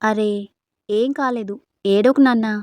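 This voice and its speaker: Narrator does an angry young wife in a storybook, fierce and accusing, highish voice, dry close sound. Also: female voice, fairly even intonation, measured pace, a little mellow, no echo, lightly acted. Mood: soothing. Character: angry young wife defending a little boy.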